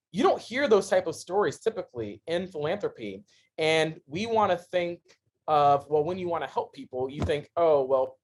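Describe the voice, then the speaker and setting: Animated, expressive man telling his story. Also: on the high side. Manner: expressive, laughs often, swings from excited to hushed and earnest. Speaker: podcast guest, activist. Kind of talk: animated storytelling in a casual interview. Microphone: podcast microphone.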